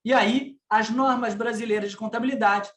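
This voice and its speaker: High-voiced Brazilian man lecturing in an echoey room. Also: fairly even intonation, moderate pace. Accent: Brazilian Portuguese. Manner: didactic, addresses listeners directly with rhetorical questions. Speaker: tax lecturer. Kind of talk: lecture to business owners.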